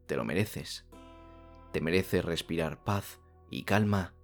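A man from narrates a soothing guided sleep meditation like a bedtime story narrator, speaking calmly in slow phrases with long pauses. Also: low voice, vocal fry, faint music behind.

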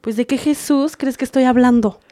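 Woman as shy thirty-year-old birthday girl, slightly high voice, sweet and sincere. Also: steady tone, moderate pace, warm tone, close to an everyday voice. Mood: firm. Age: 30s. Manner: bashful, sweet, then firm and pointed.

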